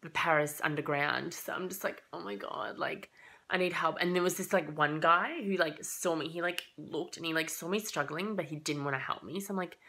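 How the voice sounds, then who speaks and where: A young woman vlogging a storytime, chatty and animated, peppering every sentence with "like" and acting out her own thoughts. Her voice sits fairly low with plenty of gravelly fry, and she sounds a little under the weather from a cold. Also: brisk, few pauses. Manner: chatty, animated retelling with lots of "like" and quoted thoughts. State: has a cold, coughing. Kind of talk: casual storytime vlog.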